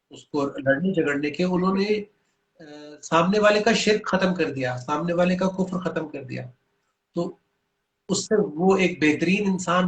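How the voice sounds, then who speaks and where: A man's voice: fairly high pitch, echoey room. A man explaining Quranic teaching in an earnest, patient way, reciting short Arabic verses as he talks. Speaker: guest speaker on religion.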